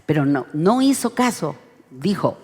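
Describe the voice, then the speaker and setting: Mexican lady teaching bible study in a church hall, lowish voice, long echo. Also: unhurried. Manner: expressive, prompts the group to read along. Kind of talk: interactive Bible study lesson. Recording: reverberant hall sound.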